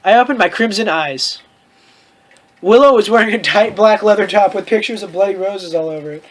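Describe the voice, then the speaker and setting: A man's voice: high-pitched, brisk. A man hosting a comedic read-aloud of fan fiction, with theatrical, mocking asides and casual commentary.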